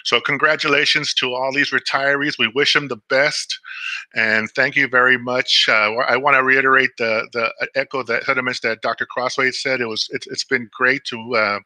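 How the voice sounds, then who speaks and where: Bright-voiced man giving quick thanks. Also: mid-range voice, fairly even intonation, dry recording. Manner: brisk, with fillers and restarts. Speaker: school district director. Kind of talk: formal thank-you remarks.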